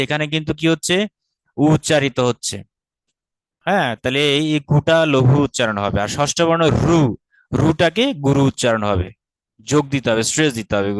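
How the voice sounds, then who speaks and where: A man's voice: a little high, no room sound. Patient man teaching verse grammar. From Bangladesh. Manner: explains patiently, often asks rhetorical questions and checks understanding; slows down to chant verse syllables carefully. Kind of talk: online class lecture.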